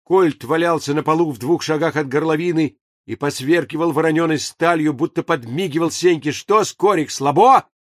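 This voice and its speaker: A man narrating an audiobook in a measured, even storytelling manner. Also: a little high, no room sound. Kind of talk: scripted narration. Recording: dry booth recording.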